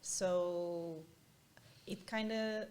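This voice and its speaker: A woman, a guest in a casual interview, telling her story hesitantly with many pauses and restarts. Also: lowish voice, fairly even intonation, a little mellow, slight background noise. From Portugal and Angola.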